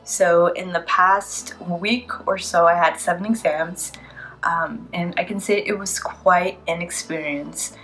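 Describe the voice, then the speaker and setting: Congested from a cold, a PA student in her twenties talks to camera in a casual, somewhat tired vlog. She speaks slowly in a lowish, steady, fairly bright voice, with soft background music and poor audio.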